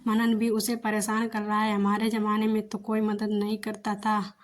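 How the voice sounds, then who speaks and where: A woman voicing a nagging, taunting older mother-in-law in a narrated story, speaking in a flat, level tone. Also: mid-range voice, moderate pace, lightly acted. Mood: scolding. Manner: sharp, taunting.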